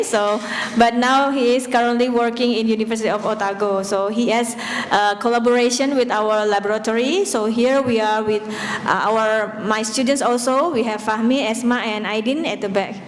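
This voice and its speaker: A woman hosting a lecture, introducing the guest informally with fillers. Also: fairly high pitch. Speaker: host introducing a guest speaker. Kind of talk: event introduction. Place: lecture hall. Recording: echoey lecture hall, faint noise.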